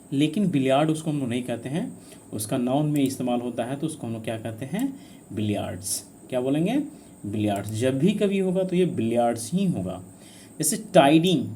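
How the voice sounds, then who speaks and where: A man's voice: mid-range voice, warm tone, a little hiss or hum. A man teaching an exam-prep grammar lesson. He keeps asking his students questions, answers them himself, and repeats the key words.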